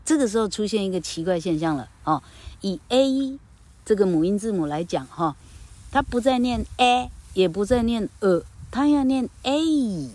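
A woman's voice: mid-range voice, expressive, moderate pace, warm tone. A woman giving a casual English grammar lesson, chatty and full of tag particles. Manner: chatty, frequent "ha" tag particles, calls herself 老客.

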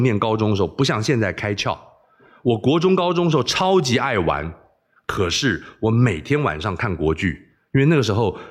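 A middle-aged man from Taiwan, telling and reading a story expressively. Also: fairly low pitch. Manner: animated, expressive.

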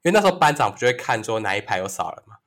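Young man, gossipy storyteller, lively swooping pitch, casual podcast chat. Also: rapid-fire. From Taiwan. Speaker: podcast co-host.

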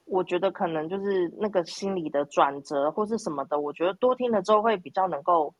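A woman with a Taiwanese Mandarin accent tells stories in a casual chat. She talks fast in a slightly low voice and acts out snatches of dialogue. The sound is dry and close. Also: no echo, muffled recording.

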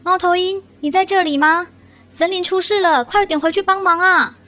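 A woman doing a shrill, panicked little raccoon dog. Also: normal speed, fairly bright tone. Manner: urgent, flustered.

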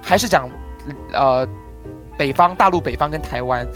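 Casting: a Taiwanese man, a crosstalk performer guesting on a talk show, relaxed and explanatory, with faint music underneath. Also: on the high side, moderate pace. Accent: Taiwanese Mandarin. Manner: explains pronunciation with playful spoken demonstrations. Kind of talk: casual interview chat.

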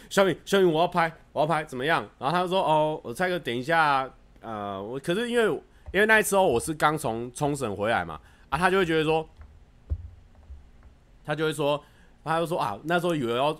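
A man chats casually with his livestream viewers. His pitch sits in a middle range. He tells stories in a lively, joking way and acts out the scenes as he goes. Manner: animated storytelling, acting out scenes; playful, self-mocking humor. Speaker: livestream host. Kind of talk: casual chat with live viewers.

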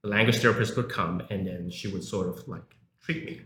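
Speaking a little fast, a young man who grew up in South Africa has a low voice with a fairly bright tone. He's being interviewed as a guest and works as a university English lecturer, talking informally with frequent fillers. Expect an echoey room and some faint background noise.

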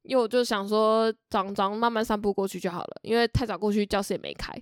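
Fast-talking Taiwanese woman telling a story. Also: medium pitch, clean tone, no echo, studio quality. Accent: Taiwanese Mandarin. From Tainan, Taiwan. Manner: animated, repeats words, laughs often. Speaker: podcast co-host. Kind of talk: casual storytelling chat.

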